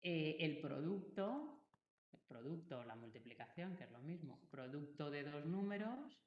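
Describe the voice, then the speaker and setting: A woman's voice: deep voice, lively intonation, moderate pace. A woman teaching a math class, explaining patiently step by step and checking that students follow. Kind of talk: classroom lesson. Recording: roomy, dull lo-fi recording.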